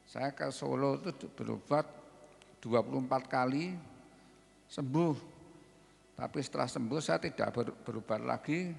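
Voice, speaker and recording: An older man giving a testimony in a church service, telling his story in a plain, halting way. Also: mid-range voice, vocal fry. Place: church hall. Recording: reverberant church hall with faint music. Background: faint instrumental music.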